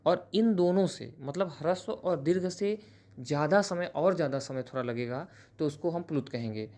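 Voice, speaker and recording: A man's voice: fairly high pitch, a little mellow. A man teaching a grammar lesson who explains patiently, often restates terms, and corrects himself mid-sentence. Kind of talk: classroom-style grammar lesson.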